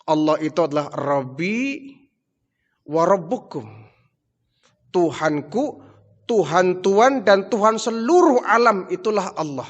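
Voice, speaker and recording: A man's voice: sits high, animated, slow, long pauses, lo-fi sound, exaggerated voice. A man voicing a devout woman servant who firmly and fearlessly declares her faith, in a preached story. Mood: steadfast. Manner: firm, declaring, unafraid. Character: steadfast devout woman servant, defiant, calm. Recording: long hall reverb.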